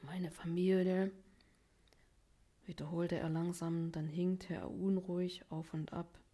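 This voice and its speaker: A woman narrating a children's story aloud in a calm, even manner. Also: lowish voice, a little slow, husky.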